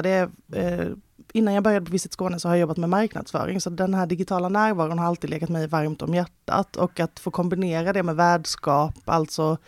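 A woman's voice: on the low side, dry recording, studio quality. A woman who works in tourism, giving engaged interview answers with frequent fillers. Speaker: tourism organization guest.

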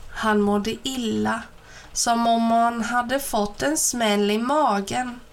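Woman reading a children's story. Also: a little high. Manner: steady, expressive reading. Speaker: storybook narrator. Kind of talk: scripted story narration.

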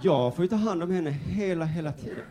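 A man's voice: a little high, a loud crowd. A young man from Sweden doing stand-up comedy, laid-back and chatty, often laughing through his lines. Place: comedy stage before a crowd. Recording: live club with loud audience.

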